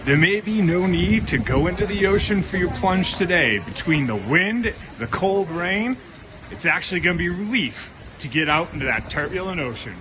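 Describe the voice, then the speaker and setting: Higher-voiced man reporting amid outdoor noise. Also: expressive, moderate pace. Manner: jokey, theatrical. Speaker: on-location reporter. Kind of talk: on-location event reporting and interviewing. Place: outdoors at a rainy, windy waterfront event. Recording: noisy outdoor location sound.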